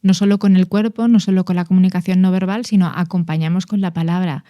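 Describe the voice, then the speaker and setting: A woman's voice: lowish voice, steady tone, fast, dry recording, lo-fi sound. A woman who is a guest on a podcast, explaining nonverbal communication in a conversational way and stressing key words with frequent restarts. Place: podcast studio.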